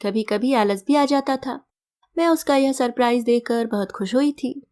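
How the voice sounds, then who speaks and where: Woman reading a story, fairly high voice. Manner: gentle, reflective, measured narration. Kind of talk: first-person story reading.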